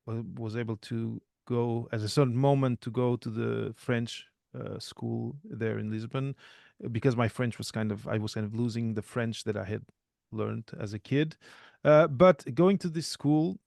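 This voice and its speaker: A man, talking as a guest in a relaxed, thoughtful way with frequent restarts. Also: mid-range voice, normal speed, gravelly, dry recording, studio quality. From Portugal. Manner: thoughtful, self-correcting, many restarts. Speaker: podcast guest. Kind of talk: casual interview talk.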